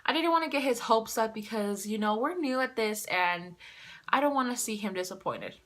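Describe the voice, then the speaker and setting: A young adult woman vlogging, telling a personal story in a casual, animated way. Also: a little high, moderate pace. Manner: animated, acts out quoted dialogue.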